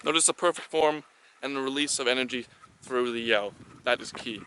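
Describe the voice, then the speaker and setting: A man hosting a comedy vlog, explaining driving as a deadpan mock tutorial from inside a car. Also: mid-range voice, brisk, recorded from a distance, slight background noise, low-quality recording. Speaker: host.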